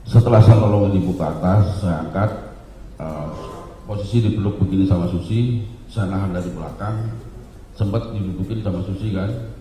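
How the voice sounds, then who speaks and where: A man's voice: deep voice, warm tone. Man testifying in an echoey courtroom. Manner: halting, recounting events with many fillers and restarts. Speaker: witness at a trial. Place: large courtroom. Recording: echoey courtroom broadcast, muffled, faint hiss.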